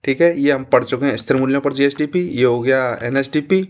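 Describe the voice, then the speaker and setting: A man's voice: medium pitch, fairly quick. A young man teaching an online exam-prep class, speaking informally and repeating figures as he talks straight to his students. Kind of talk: online lecture on exam questions.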